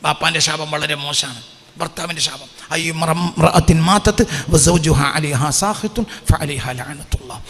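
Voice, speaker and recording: A man's voice: on the high side, moderate pace, vocal fry, a bit bright, long reverb tail. A male preacher, giving a sermon. He puts questions to the listeners, repeats phrases for emphasis and recites Arabic lines. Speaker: Islamic preacher. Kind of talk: sermon with call-and-response questions.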